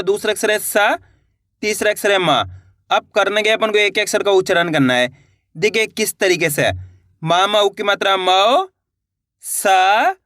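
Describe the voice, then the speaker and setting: A teacher giving a slow reading lesson, spelling words out syllable by syllable and then blending them, reassuring viewers as friends. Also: mid-range voice, bright, forceful tone, no echo, studio quality.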